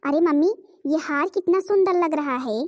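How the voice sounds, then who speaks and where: A woman voicing an eager, naive young daughter-in-law in a cartoon, loud and eager. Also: sits high, moderate pace, no room sound, studio quality, natural voice.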